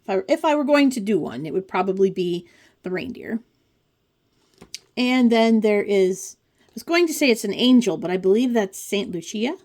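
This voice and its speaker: A woman in her forties, an informal craft host with a mid-range voice, chats casually as she flips through a pattern book, adding dry, wry humor. Her tone is a little mellow, with lively intonation at a moderate pace.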